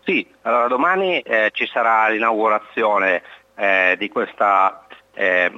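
A man's voice: on the low side, measured pace, pushed and bright, no echo. Middle-aged man on a phone line. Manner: earnest, explanatory, many hesitant fillers. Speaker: guest on a radio show. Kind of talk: phone-in radio interview.

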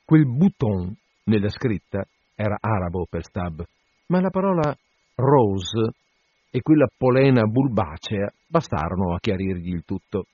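A man narrating a classic novel as an expressive audiobook reading. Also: lowish voice, a little slow, breathy edge, dry recording. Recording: dull lo-fi dry recording.

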